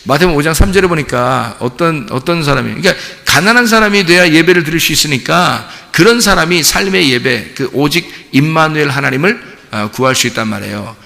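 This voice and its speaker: A man's voice: fairly high pitch, animated, a little fast, gravelly, hardly any pauses, pushed and bright, long reverb tail. A male pastor giving a conversational sermon, acting out little dialogues with God in different voices. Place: church sanctuary.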